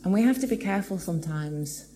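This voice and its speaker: Earnest woman preaching, mellow voice. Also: lowish voice, expressive, slight background noise. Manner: earnest, reflective, slows for scripture. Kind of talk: sermon. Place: church hall with live audience.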